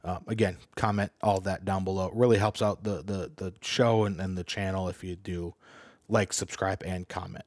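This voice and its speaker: Low male host, rambling and filler-heavy, dry close sound. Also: fairly even intonation, normal speed, a little mellow, no echo. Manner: loose and chatty, many "um"s and restarts. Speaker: sports show host. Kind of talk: solo sports podcast talk.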